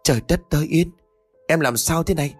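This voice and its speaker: A man voicing a nervous young male gambler who talks in an agitated, quick, pleading way. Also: mid-range voice, lively intonation, faint music behind. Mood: scared.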